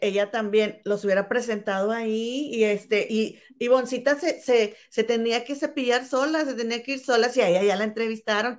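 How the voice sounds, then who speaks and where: A woman with a Mexican accent co-hosts a casual gossip show. Her voice sits a little high, and she talks in an indignant, chatty way, reading viewer comments aloud. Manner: indignant, calls her co-host "comadre".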